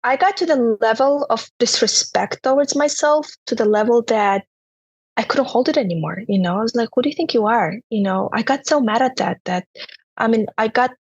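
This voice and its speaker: As an interview guest, a young Turkmen woman tells her personal story haltingly, leaning on "you know" again and again, in a Turkmen accent. Her voice sits a little high with a breathy edge, and the recording has no room sound and cut-off highs.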